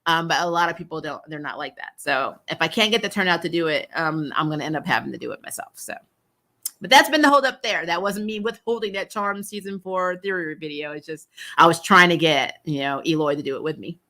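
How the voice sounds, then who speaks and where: A woman who hosts and reviews for a TV recap show chats casually and bluntly on a livestream, answering viewer questions unfiltered and swearing freely. Her voice is deep, brisk and sharp-toned.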